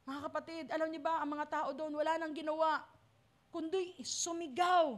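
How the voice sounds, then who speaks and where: A woman's voice: high voice, flat delivery, moderate pace. A woman pastor with a Filipino accent preaching a sermon, dramatic and acting out the cries of the lost. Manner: dramatic, acts out voices of the lost.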